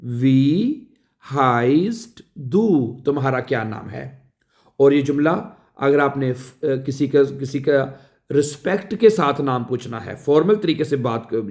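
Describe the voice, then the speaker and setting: A man giving a language lesson, saying each phrase slowly and repeating it, often checking with "right?". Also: mid-range voice, a little mellow. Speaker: language teacher.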